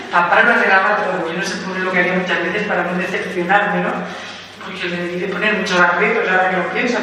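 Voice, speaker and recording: A woman from Spain giving a spiritual talk as a Carmelite nun, telling childhood stories in a lively way and acting out what people said. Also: on the low side. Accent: Spain Spanish. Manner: lively storytelling, acts out quotes. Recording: echoey hall from far off, faint noise.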